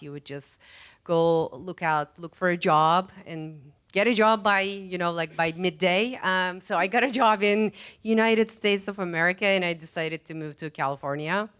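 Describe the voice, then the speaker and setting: Woman from turkey, forties, panel speaker, low voice, smooth tone, chatty with fillers. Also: fairly bright tone. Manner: chatty, many fillers, light laughs. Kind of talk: casual personal story at a panel. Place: meetup event room. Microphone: handheld mic.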